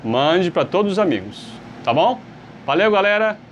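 A man's voice: high-pitched, normal speed, highs cut off, slight background noise. A man with a Brazilian accent teaching an English lesson, asking rhetorical questions and checking in with "tá?" as he explains. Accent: Brazilian Portuguese. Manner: lively, asks rhetorical questions, frequent "tá?" check-ins.

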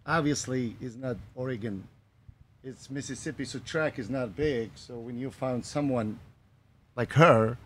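A man in his forties from Morocco, a running coach, speaking in a halting, filler-heavy way into a handheld mic outdoors on a patio. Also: medium pitch. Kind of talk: casual interview.

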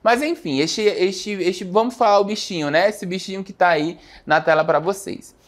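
A woman's voice: medium pitch, moderate pace. A woman teacher giving a televised school lesson, explaining step by step and often checking in with the students. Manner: explanatory, frequent checking tags like "né?" and "tá?".

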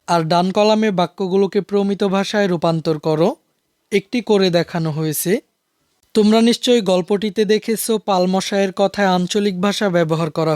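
A man explains a school lesson to students in a calm, steady way. His voice sits high and comes through smooth and clear. The sound is dry and close to the mic. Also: dry recording. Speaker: teacher.

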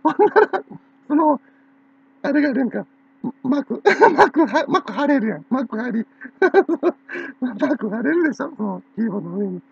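A woman's voice: high voice, sing-song, moderate pace, gravelly, darkish tone, breathy edge, dry recording. A woman with a Kansai accent rambling in a gossipy, teasing way and breaking into laughter again and again. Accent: Kansai Japanese. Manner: giggly, keeps breaking into laughter. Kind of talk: rambling casual monologue. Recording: dull lo-fi recording.

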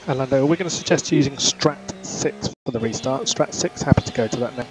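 A man's voice: medium pitch, a little fast, a crowd in the background, low-quality recording. A man giving clipped race engineer instructions over a race car radio, repeating key calls. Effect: race car team radio. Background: car engine noise.

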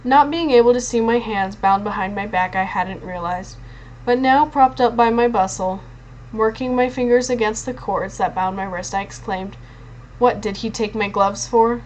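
A woman's voice: a little high, normal speed, a little mellow, lo-fi sound, slight background noise. A woman reading a novel aloud in the first person, with frequent slips and restarts. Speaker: reader.

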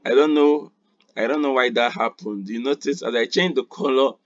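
A man hosting a screen-recorded design tutorial, unhurried and thinking aloud with quiet muttered asides. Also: medium pitch, no room sound, highs cut off.

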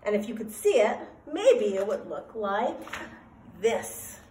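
A woman reading a children's storybook aloud as a teacher, in an expressive, emphatic, sing-song way. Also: mid-range voice, takes it slowly, slight background noise. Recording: roomy echo, voice from a distance.

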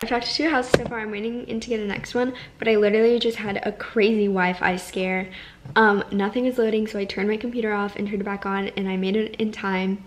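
A woman's voice: mid-range voice, flat delivery, brisk, slight background noise. A young American woman chatting casually to camera in a bubbly sorority-girl manner, peppering her talk with "like". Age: young adult, around college age. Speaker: vlogger, student going through sorority recruitment. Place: small bedroom or dorm room, indoors. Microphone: camera mic at arm's length.

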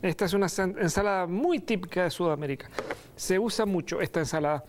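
A middle-aged man presenting a recipe on a studio kitchen set, relaxed and pausing often with fillers. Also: high voice, slight background noise. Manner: relaxed, hesitant with many fillers. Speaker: cooking show host. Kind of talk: cooking demonstration.

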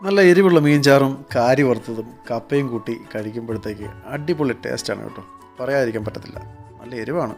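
A man's voice: medium pitch, fast talker, darkish tone, soft background music. A man with a Kerala Malayalam accent narrating a food vlog in a conversational way.

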